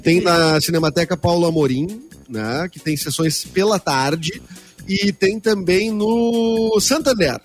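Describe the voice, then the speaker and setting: A playful, animated man co-hosting a radio show, speaking. His voice sits quite high for a man, with faint music playing behind him. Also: takes it slowly. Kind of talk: casual radio banter.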